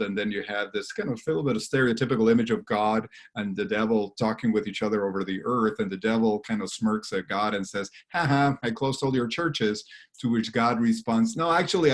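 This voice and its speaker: A man from Guatemala moderating an online church panel over a video call, speaking with frequent pauses and fillers. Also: fairly low pitch. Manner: warm, hesitant with many fillers. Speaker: webinar moderator.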